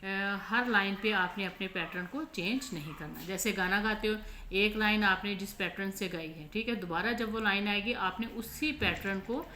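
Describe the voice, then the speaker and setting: Patient and slow, a Pakistani Urdu-accented teacher walks through an online lesson, frequently checking "ठीक है?". Her mid-range voice has a sharp tone, and faint noise and echo fill the room.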